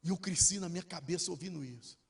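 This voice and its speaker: A man's voice: high-pitched, fast talker, gravelly, breathy edge. A man preaching a sermon, telling an emotional personal story and quoting the people in it. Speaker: pastor. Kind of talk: sermon testimony.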